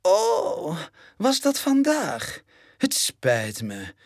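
A man's voice: on the high side, huge pitch swings, very slow, dry recording, clean studio sound, voice pushed up, exaggerated voice. A man with a Flemish accent voicing a sly, scheming adult male lion who sounds silky and falsely sweet, in a storybook reading.

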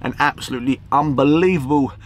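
A young man chatting excitedly to camera as a van life vlogger inside his small camper van. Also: mid-range voice, fast talker. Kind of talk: casual vlog narration to camera. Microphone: camera held or set close.

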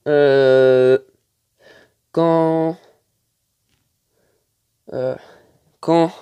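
A man's voice: on the high side, fairly even intonation, very slow, mellow, smooth, no echo. A man with a French accent casually reviewing a toy set, hesitant with many fillers and lots of detail.

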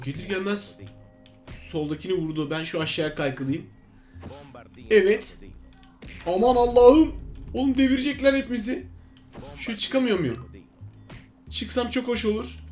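A young man with a high-pitched voice gives excitable live commentary on his own game, talking straight to his viewers like friends. His energy jumps from tense murmurs to loud cheers, and faint game music plays underneath. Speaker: gaming channel host.

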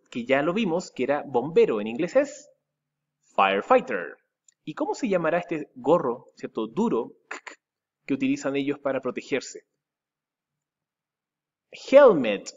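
The audio is dull, and the man's voice is mid-range. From Chile and speaking with a Chilean Spanish accent, he records a vocabulary lesson for pupils, spelling each English word letter by letter and repeating it slowly, building stress as he goes.

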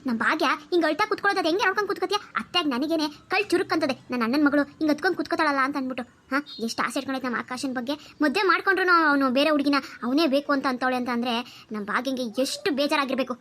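A woman voicing a scheming older aunt and mother-in-law in a cartoon, speaking in a low, bossy, conniving way. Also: racing, fairly bright tone. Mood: scolding. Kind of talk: Kannada cartoon voice acting.

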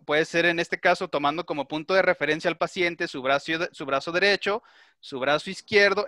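A man's voice: on the high side, sharp tone, no echo, clean studio sound. A middle-aged man teaching an online class, explaining step by step and checking that his students follow.

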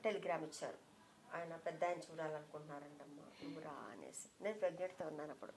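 A middle-aged woman as an interview guest, telling a personal memory with heartfelt emotion and softening her voice when she quotes others. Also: sits low, fast, slight background noise. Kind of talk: reminiscing in an interview.

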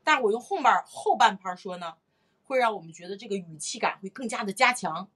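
A woman's voice: medium pitch, a little fast. A middle-aged woman vocal teacher giving a live-streamed singing lesson, repeating phrases and sounding out rhythms. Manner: lively, repeats phrases, sings and claps out rhythms.

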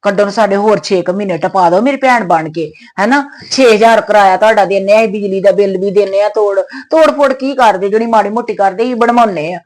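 A woman's voice: mid-range voice, quick pace, hardly any pauses, a little mellow, natural voice. A woman playing a submissive tenant who pleads with her landlady. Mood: pleading. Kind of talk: skit acting.

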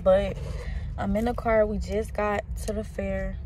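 A woman's voice: mid-range voice, little pitch movement, a little slow, a little hiss or hum. A young woman talking casually to her phone camera, chatty and slangy, swearing freely. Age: young adult. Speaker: vlogger. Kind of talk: casual vlog chat. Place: store fitting room, car, crowded outdoor fair. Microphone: phone held close. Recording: loud music and crowd behind at the fair.

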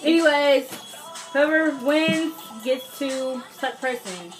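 A young woman with a fairly high voice talks casually to the camera as host of a challenge video. Music plays clearly behind her. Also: slow pace, rough recording.

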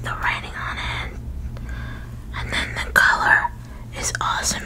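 A woman in her thirties whispering ASMR very close to a microphone, in short, halting phrases as she presents things. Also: low-quality recording. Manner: whispering, unvoiced, breathy. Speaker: ASMR video creator showing a perfume collection. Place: small indoor room at a desk. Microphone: large desktop USB microphone, very close.

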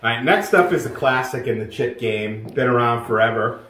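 A man hosting a casual snack review at home, playful and quick to laugh. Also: medium pitch, noisy background. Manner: playful, animated, laughs often. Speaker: host of a snack review show. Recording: roomy echo.

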